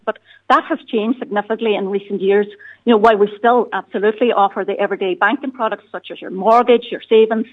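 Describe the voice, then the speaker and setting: A woman with a Donegal Irish accent answering as a radio interview guest, often dropping in "you know" and "look". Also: medium pitch. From County Donegal, Ireland. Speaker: bank territory manager, interview guest. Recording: tinny phone-line sound.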